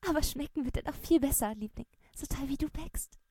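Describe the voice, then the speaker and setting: A woman voicing a loving, flirty mother in a soft, breathy whisper. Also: high voice, brisk, slight background noise, pitched above the performer's own voice. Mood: tender.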